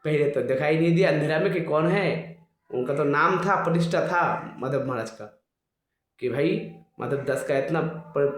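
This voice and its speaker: A man narrating a devotional story in a colloquial, animated way with asides. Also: on the high side, very echoey.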